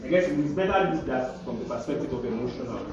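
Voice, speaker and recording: A man's voice: mid-range voice, fast, dull audio, a loud crowd. A man leading a classroom session, talking students through their notes and often checking they follow along. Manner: animated, keeps checking students follow with "you understand?". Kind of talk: classroom teaching and discussion. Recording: very echoey room, from far off, loud class noise.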